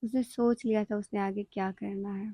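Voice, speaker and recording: A woman narrating a novel aloud in a steady, scripted reading. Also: medium pitch, dry recording.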